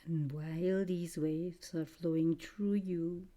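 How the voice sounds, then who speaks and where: A woman guiding a trance meditation in a soothing, mesmerizing way, with short gentle phrases and a soft, breathy voice that often nears a whisper. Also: lowish voice, fairly even intonation, slow. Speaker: guided meditation narrator.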